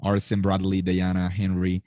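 Chatty low-voiced male podcast host. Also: monotone, normal speed, warm tone, dry recording, clean studio sound. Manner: chatty, many fillers and restarts. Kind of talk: live video-call interview. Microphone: video call.

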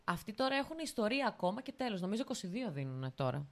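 Young woman podcast host, chatty and laughy, slangy, relaxed chat. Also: mid-range voice. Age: young adult. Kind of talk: casual chat.

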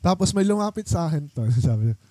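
A young man hosts a casual chat among old friends, rambling through his stories with plenty of fillers. His voice sits a bit high yet sounds mellow and dark. The recording is dry and close. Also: big pitch swings, quick pace, no room sound. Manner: rambling storytelling with many fillers and laughs. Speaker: podcast host.

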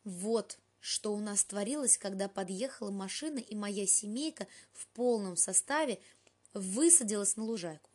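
A woman's voice: mid-range voice, normal speed, a little mellow. A woman reading an audiobook aloud, telling the story in a dry, ironic first-person way. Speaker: audiobook reader. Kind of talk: audiobook narration.

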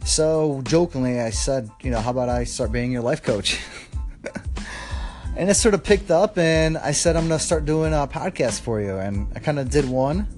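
Guy hosting a podcast, rambling and encouraging, soft music behind. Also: medium pitch, normal speed. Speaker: podcast host. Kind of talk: casual motivational monologue.

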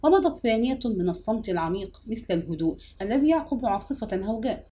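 A woman narrating a novel as an audiobook in an expressive reading voice. Her pitch sits fairly high and moves widely. The tone stays mellow and dark. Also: quick pace.

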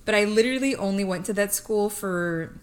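A woman's voice: medium pitch, a little fast. A young woman from the Chicago area co-hosting a podcast in casual chat, talking loosely with lots of "like" and casual swearing. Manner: chatty, swears freely, many "like" fillers. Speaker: podcast co-host.

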